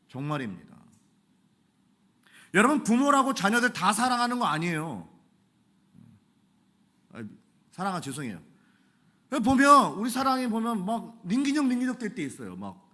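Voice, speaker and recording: A male pastor preaches in a church with a high voice that swings widely. His manner is animated and chatty, full of jokes. He talks to the congregation like friends. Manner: animated, joking, conversational. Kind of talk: sermon. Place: church sanctuary.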